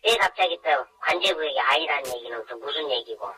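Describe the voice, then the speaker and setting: An anonymous caller whose voice is electronically disguised for protection, talking bluntly in a phone-in interview. The altered voice sounds bright and cutting. He presses his points with rhetorical questions. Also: mid-range voice, lively intonation, fast talker, poor audio. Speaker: anonymous caller, former maritime safety worker.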